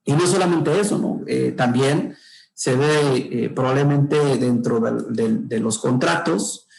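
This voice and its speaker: A man's voice: medium pitch, unhurried, creaky, a little mellow, echoey room, poor audio. A man, a trade consultant explaining rules in podcast talk, thinking aloud with many filler sounds and tag questions. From Mexico.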